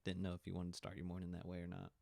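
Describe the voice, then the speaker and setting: A man who works as a music therapist, talking quietly and casually about songs on a live stream. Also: low voice, completely flat delivery, rapid-fire, vocal fry, dry recording.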